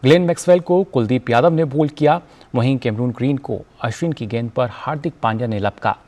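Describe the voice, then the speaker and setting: A man reading the news as anchor in a formal, measured delivery. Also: medium pitch, darkish tone.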